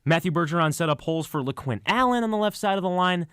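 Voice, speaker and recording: He talks fast, with a high, expressive, fairly bright and smooth voice and no room sound at all. As co-host of a sports radio talk show, he lays out his analysis earnestly and conversationally into a close studio mic, sometimes fumbling his words.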